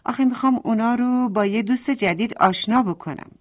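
A woman's voice: a little high, close to an everyday voice. Woman doing a playful, friendly rabbit. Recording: tinny phone-like sound.

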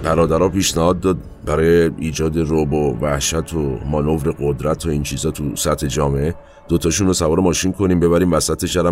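A man narrating his own past in a colloquial, halting way, with asides and trailing fillers, over faint background music. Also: very deep voice, a little mellow. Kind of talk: first-person spoken recollection.

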